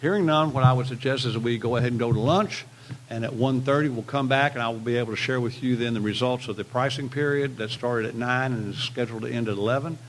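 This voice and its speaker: A man's voice: mid-range voice, quick pace, a little hiss or hum, low-quality recording. A man with a rural Southern hillbilly accent, explaining financial details as an adviser presenting at a meeting, using homely comparisons.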